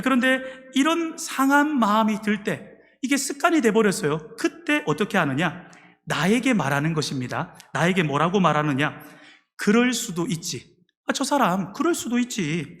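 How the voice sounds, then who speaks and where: High-voiced man preaching in a reverberant church. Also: a bit bright. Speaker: pastor. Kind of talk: sermon. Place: church sanctuary.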